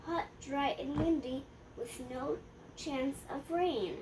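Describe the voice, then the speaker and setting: A young girl with a high voice reads a rhyming picture book aloud slowly and haltingly, tripping over words and correcting herself. The home recording carries some light noise.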